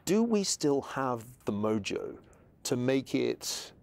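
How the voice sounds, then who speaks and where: A man's voice: medium pitch, big pitch swings, takes it slowly, vocal fry, darkish tone. A man from Scotland in a studio interview, musing aloud with restarts, on a lapel mic. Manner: thoughtful, searching, with many restarts. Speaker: historian guest. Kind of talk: conversational interview. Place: studio set with armchairs.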